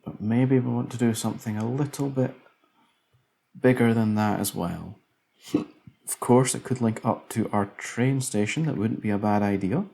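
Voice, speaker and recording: A man's voice: mid-range voice, moderate pace, vocal fry, mellow. A man casually commentating a city-building game, musing aloud as he builds, tired late at night. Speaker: let's play commentator.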